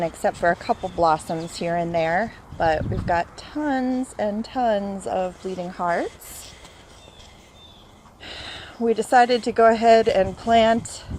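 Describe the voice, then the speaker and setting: Speaking in a lowish voice, a lady chats slowly and easily while recording her home yard and garden on her phone camera as she walks. She's a bit out of breath from a run, names her plants, and isn't certain of some. Faint outdoor noise is audible, and the recording quality is low.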